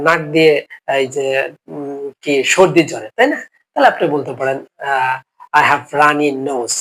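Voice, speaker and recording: Male language teacher, voice a touch high, coughing through a patient step-by-step spoken English lesson. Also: fairly bright tone, rough recording. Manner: explains step by step with many check-ins, repeating each phrase. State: sick with a cough.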